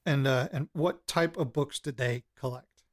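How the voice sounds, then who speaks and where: In a naturalistic audio drama styled as a hesitant recorded diary and interview, a male actor plays a young, anxious, insistent amateur investigator digging into his late grandparents' secrets. His mid-range voice sounds close to everyday speech, and he comes across hesitant and probing, talking in a halting, blunt, pressing way with swearing. It's a field recording with background noise.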